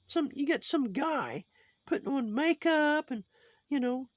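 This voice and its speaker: A man voicing a preachy, judgmental male sock puppet in a high put-on voice, lecturing and moralizing as he rambles. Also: animated, measured pace, no echo.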